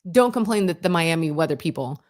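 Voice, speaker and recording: A woman's voice: sits low, animated, fairly quick, darkish tone. Frank, opinionated radio co-host woman. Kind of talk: casual radio show chat.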